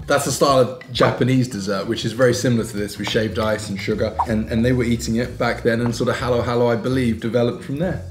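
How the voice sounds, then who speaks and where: A man's voice: medium pitch, steady tone, quick pace, few pauses. A man chatting playfully while eating on a food vlog, joking and talkative. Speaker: food vlogger. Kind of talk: casual chat while eating. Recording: echoey room with light music.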